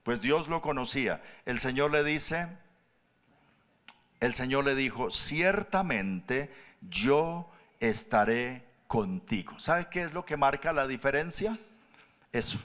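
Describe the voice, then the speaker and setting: A pastor preaching a sermon, animated, jumping up high for emphasis and dropping to soft low tones. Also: male voice, unhurried, long pauses. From Colombia.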